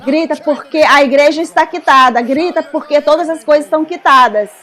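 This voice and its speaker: Fervent high-voiced woman interpreting a sermon. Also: brisk. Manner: fervent, shouting, repetitive exhortations. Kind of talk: live interpretation of a fiery sermon.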